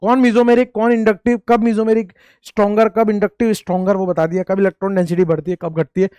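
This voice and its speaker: A man's voice: high voice, flat delivery, quick pace, mellow, clear, resonant tone, dry recording. A man teaching chemistry in a casual, joking lecture, who repeats key points and asks and answers his own questions while addressing students like friends. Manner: chatty and teasing, talks to students as friends. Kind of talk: informal classroom lecture.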